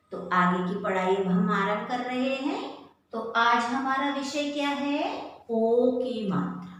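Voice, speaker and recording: A woman teaching first graders in an online class, patiently and slowly sounding out syllables for the children. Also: on the high side, a bit bright, slight background noise. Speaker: primary school teacher. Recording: very echoey room.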